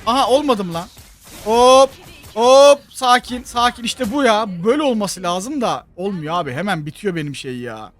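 A man with a Turkish accent giving chatty, excitable commentary on a mobile game as the host of a gaming channel. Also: sits high, a little fast, few pauses. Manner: excitable, chatty, bursts into loud shouts.

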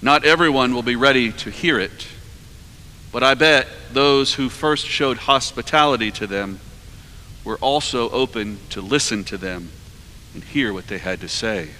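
Earnest man preaching in a cathedral. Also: mid-range voice. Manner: measured, earnest, trails off softly at phrase ends. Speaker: priest preaching. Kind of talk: sermon. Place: large cathedral, at a lectern. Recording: long cathedral reverb.

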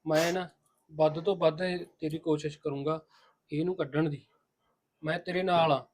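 A man's voice: a little high, fairly even intonation, moderate pace, close to an everyday voice. A man playing a protective old father-in-law. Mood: reassuring. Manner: reassuring, scolding his son. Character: protective older father-in-law, stern but kind. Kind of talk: village family drama acting.

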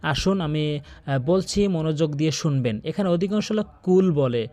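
A man's voice: a little high, moderate pace, mellow, no room sound. A man teaching Quran pronunciation in a video lesson, earnestly repeating corrections and stretching out practice words.

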